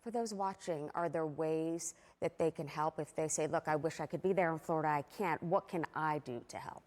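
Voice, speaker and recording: A woman's voice: deep voice, a little fast, a little mellow. A woman working as a news anchor, reading an introduction and putting questions to a guest in a broadcast interview style.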